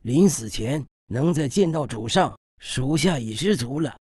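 A man voicing a devoted male subordinate who is dying, speaking hoarse, breathless and in broken phrases in an audiobook. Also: mid-range voice, expressive, a little mellow, no room sound, studio quality. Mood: pleading, fading. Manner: halting, broken-up speech.

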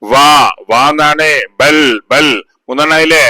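A male teacher giving an exam revision lesson, with a slightly high and bright voice. He speaks slowly, repeats each term and keeps asking his pupils questions. The sound is dry and close. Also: steady tone, no echo, rough recording. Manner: chants grammar rhymes slowly. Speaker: Arabic teacher.

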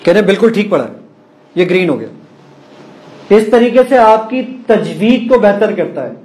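A man's voice: high voice, big pitch swings, darkish tone. A man giving a live presentation to an audience, demonstrating an app and explaining each step to the room. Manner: explanatory, addresses audience directly. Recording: echoey hall.

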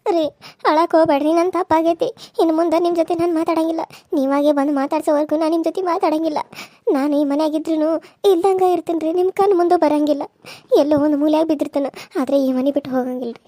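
A woman plays a young village wife in a cartoon serial, pleading and tearful, with a North Karnataka accent. The voice sits very high yet sounds soft and dark. The room is completely dry. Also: fairly even intonation, fast talker, no room sound, natural voice. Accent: North Karnataka Kannada. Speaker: voice actor.

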